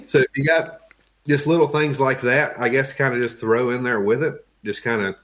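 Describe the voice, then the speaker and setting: A man's voice: mid-range voice, fairly even intonation, moderate pace, a bit bright. A man with an Appalachian accent chatting casually as an interview guest, in a folksy, plainspoken way. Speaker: interview guest, wood flooring tradesman.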